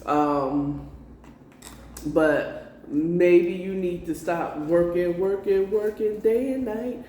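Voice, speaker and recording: A warm, lowish female voice speaks extremely slowly here: an American tarot card reader offering a casual spiritual reading. She urges emphatically, circles back over the same words, and checks in often, recorded from a distance in a roomy space with faint noise.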